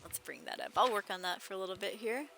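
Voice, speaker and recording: A woman's voice: medium pitch, expressive, quick pace, creaky. A woman doing casual, playful live commentary as a game streamer, with music in the background.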